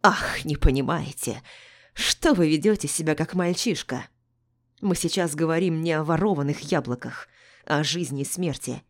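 A woman's voice: low-pitched, moderate pace. A woman reading the part of a harsh, embittered middle-aged male doctor in an audiobook, snapping and contemptuous. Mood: furious.

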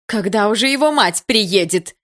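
A woman voicing a haughty, furious middle-aged mother who screams insults in a high, loud voice. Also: lively intonation, normal speed, close to an everyday voice. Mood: indignant. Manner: screeching, contemptuous, insulting.

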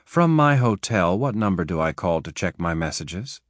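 A man voicing a smooth-talking woman identity thief who sweet-talks people on the phone. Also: low voice, very animated, moderate pace, dry recording, clean studio sound. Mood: businesslike. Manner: seductive, persuasive phone pretexting.

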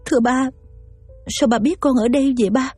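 A woman's voice: high-pitched, fairly quick, a little mellow, husky, dry recording. An actress with a Southern Vietnamese accent playing a poor, devoted young mother who speaks politely and pleadingly, over faint music. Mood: humble.

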